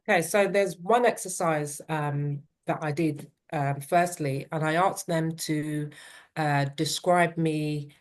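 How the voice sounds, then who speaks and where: A middle-aged woman with a somewhat low voice answers interview questions about her coaching work. She talks earnestly and reflectively, dotting her sentences with "um" and "yeah". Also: fairly even intonation, slow. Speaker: parent and teen coach.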